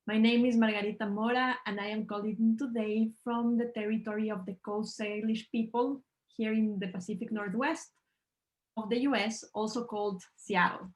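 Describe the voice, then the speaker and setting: Her voice sits a little high and stays steady as she presents on an online panel over a poor-quality video call. The speaker, a woman from Ecuador, is earnest and measured, using slightly non-native phrasing.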